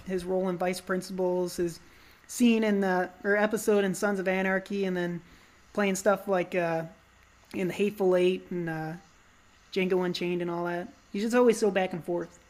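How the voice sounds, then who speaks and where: A woman talks movies on a podcast in a loose, casual way, full of little ums and quick teasing jabs. Her voice sits at a middle pitch and sounds relaxed and unpolished. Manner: joking, teasing, lots of ums. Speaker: podcast co-host.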